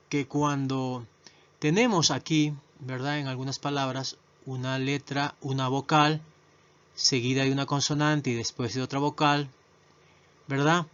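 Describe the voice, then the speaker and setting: A man whose first language is Spanish teaches English vocabulary in a video lesson, at a very slow, deliberate pace. He says each English word again and again for the learner to copy. The recording is dull and lo-fi. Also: medium pitch, level tone, a bit bright.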